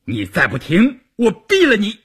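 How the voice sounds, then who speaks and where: A man putting on a hot-tempered commander who roars his orders, voice pitched high with rage and rough, husky and hoarse at the edges. This is a storytelling radio reading. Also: huge pitch swings, normal speed, full character voice. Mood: furious. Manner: shouting angrily. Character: hot-tempered male army commander, bellowing.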